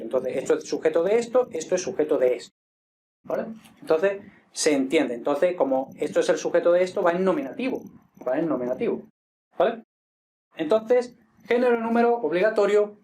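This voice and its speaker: A man's voice: high-pitched, a little mellow. Male Latin teacher, Spanish accent from Spain, casual lesson delivery, keeps checking in with learners, faint background noise. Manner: chatty, frequent "entonces" and "¿vale?" checks with students. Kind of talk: casual online lesson explaining grammar.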